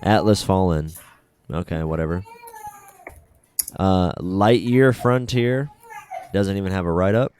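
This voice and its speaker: A man's voice: low-pitched, unhurried, pauses often, darkish tone, slight background noise. A man co-hosting a casual podcast chat, reading out game blurbs in a dry, dismissive way. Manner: dry and dismissive, skims text aloud. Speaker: podcast co-host.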